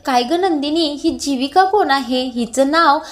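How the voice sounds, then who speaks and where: A woman's voice: high-pitched, unhurried. A woman voicing a suspicious middle-aged mother-in-law who pries with pointed questions, in a retold serial scene. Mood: prying. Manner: prying questions.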